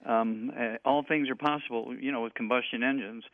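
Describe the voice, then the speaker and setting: A man of eighty, a guest health expert on a call-in radio talk show, rambling and halting with many fillers over a tinny phone line. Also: mid-range voice, steady tone, dry recording. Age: 80s.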